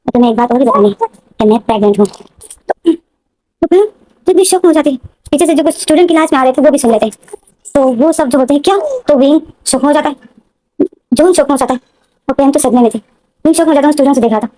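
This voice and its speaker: Fast-talking woman retelling a story. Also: on the high side, warm tone. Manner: rapid, breathless retelling with frequent restarts. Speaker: story narrator.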